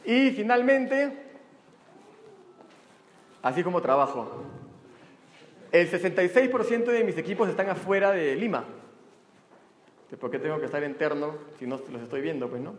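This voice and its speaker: Energetic Peruvian man on a hall stage. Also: fairly high pitch, moderate pace, pauses often. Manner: energetic and joking. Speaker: motivational speaker. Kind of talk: live seminar talk. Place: large hall before an audience. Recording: echoey hall with faint room noise.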